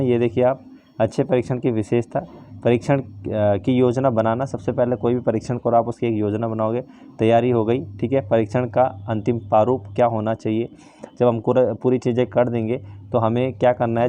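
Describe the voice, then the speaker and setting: A man's voice: medium pitch, level tone, brisk, dark tone, slight background noise. A male teacher walking students through a practical file in a casual, informal way, often checking in with "theek hai". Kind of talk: casual lesson walkthrough.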